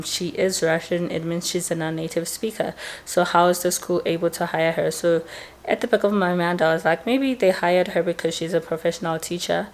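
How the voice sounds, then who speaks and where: A woman who teaches English, chatting casually to camera as she tells a long story and often tacks a questioning "right?" onto her sentences. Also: fairly low pitch. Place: indoors, lawnmower outside.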